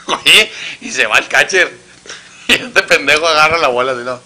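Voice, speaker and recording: This Mexican Spanish-accented joke teller sounds a little high, pushed, and bright, at a moderate pace. Telling his crude stories casually and full of slang, he acts out every character.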